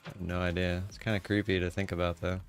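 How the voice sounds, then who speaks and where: A man in his late thirties chats casually on a live stream, rambling with frequent "uh"s and restarts as he reads out viewer comments. His low voice is fast and barely moves in pitch.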